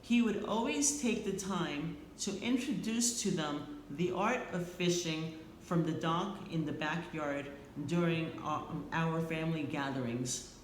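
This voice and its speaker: Older lady reading a eulogy, tender n a bit faltering, echoey room w faint noise behind. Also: low voice. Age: middle-aged or older. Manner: tender, solemn, slightly faltering, deliberate phrasing. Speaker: eulogist, family member. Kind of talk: prepared eulogy read aloud.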